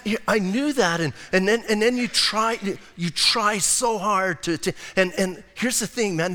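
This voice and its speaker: A man's voice: high voice, pushed and bright. An older man preaching a sermon as a pastor, conversational and emphatic, with frequent casual asides. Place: church sanctuary. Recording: long church reverb.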